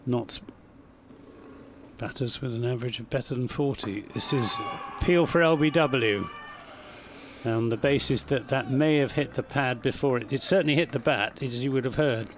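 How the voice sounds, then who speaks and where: Male cricket commentator, mid-pitched, measured and understated, offering analysis with faint ambience behind. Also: steady tone, background noise.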